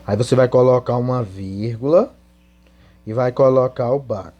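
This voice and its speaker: A man's voice: medium pitch, moderate pace, dull audio, soft background music. A man teaching English in Portuguese, spelling out English answers word by word and then translating them. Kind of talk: slow classroom explanation.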